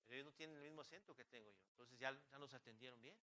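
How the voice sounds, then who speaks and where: A man's voice: mid-range voice, rapid-fire, pushed and bright. A man preaching a sermon as pastor. He talks fervently, asks the congregation many rhetorical questions and often restarts his phrases. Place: church.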